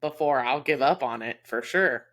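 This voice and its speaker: A woman's voice: very deep voice, normal speed, fairly bright tone. A woman from Texas with a Texas accent, co-hosting a podcast and talking candidly about friendships with many fillers. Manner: candid, heartfelt, lots of fillers. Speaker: podcast co-host. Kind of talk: casual chat.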